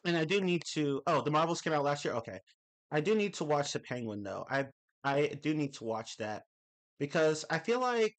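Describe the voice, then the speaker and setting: A young man chats on a live stream in a fairly high, fairly bright voice that's slightly off after a cold. Reading and responding to chat messages, he keeps it casual, rambling, backtracking to correct himself and swearing freely.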